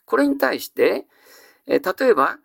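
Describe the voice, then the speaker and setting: A man teaching classical Japanese vocabulary in an exam-prep lecture, explaining patiently and often pausing on drawn-out fillers. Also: high-pitched, big pitch swings, gravelly, fairly bright tone, husky, dry recording, studio quality.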